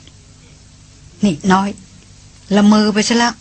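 A woman's voice: mid-range voice, steady tone, rapid-fire, sharp tone. A woman reading the part of a stern but caring eldest brother in an audiobook, firm and soothing.

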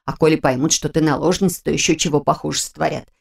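Woman voicing hoarse old cook, hushed and scolding. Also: steady tone, fast, heavily acted. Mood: worried scolding. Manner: lower, hushed, folksy scolding. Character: fussy elderly woman cook, caring and scolding.

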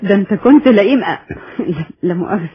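Casting: curious Egyptian daughter, quick and teasing, playful, radio drama. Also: female voice, medium pitch, lively intonation, breathy edge. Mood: amused, curious. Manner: giggly, teasing. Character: playful, curious daughter, female, amused by father. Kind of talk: Arabic radio drama acting. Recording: dull lo-fi radio recording.

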